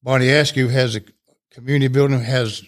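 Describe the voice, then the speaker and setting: In a casual interview chat, the guest is a club president from Rome, Georgia, USA, who rambles on at length in a talkative, folksy way. His mid-range voice holds a steady tone and a brisk pace.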